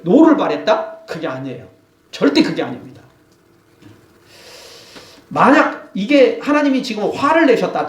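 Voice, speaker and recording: A male pastor preaching a sermon, animated, acting out scolding quotes. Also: very high-pitched, reverberant, distant mic. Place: church.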